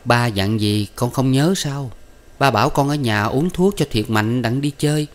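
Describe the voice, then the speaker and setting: A man's voice: medium pitch, normal speed, voice pushed up, natural voice. A man raising his voice into a grieving young wife. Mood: tender. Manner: tender, then anguished pleading.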